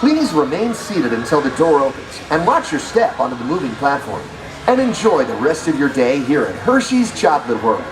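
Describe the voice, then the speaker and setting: Ride announcer over an echoey loudspeaker. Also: medium pitch, very animated, far from the mic, noisy background. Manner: polite, measured safety instructions. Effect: announcement played over ride loudspeakers. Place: indoor dark ride. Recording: echoey loudspeaker from afar with music. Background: loud ride music.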